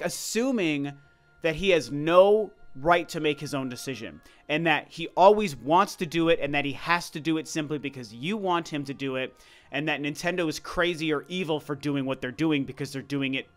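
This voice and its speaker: A video commentator with a fairly high, fairly bright voice offers casual opinions in a voice-over on gameplay footage. He's conversational but emphatic, repeating points to stress them.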